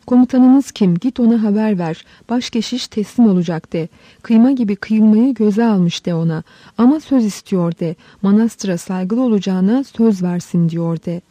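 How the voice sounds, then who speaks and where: A woman reading the lines of a resolute elderly male abbot in a booming, grave voice. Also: normal speed, warm tone, no echo, natural voice. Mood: commanding.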